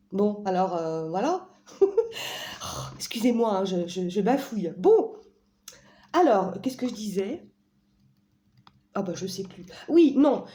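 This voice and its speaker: A chatty, playful woman with a mellow, warm voice talks casually to her viewers, full of fillers and self-corrections. Her pitch sits in an ordinary middle range. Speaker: vlogger presenting an oracle deck. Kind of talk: casual chat.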